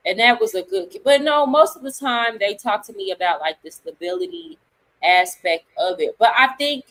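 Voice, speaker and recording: A woman's voice: fairly high pitch, animated, moderate pace, a bit bright, rough recording. A woman hosting a live talk stream, speaking bluntly and laying out her opinions point by point. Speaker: livestream host.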